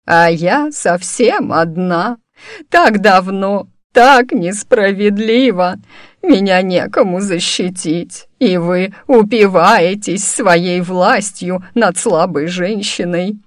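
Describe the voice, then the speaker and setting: A woman reading an audiobook voices a frail, bitter old woman who has lost her magic; she speaks slowly and quaveringly, then shouts in anger. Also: low voice, animated, dry recording, clean studio sound. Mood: self-pitying. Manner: slow, quavering, flares into angry shouts.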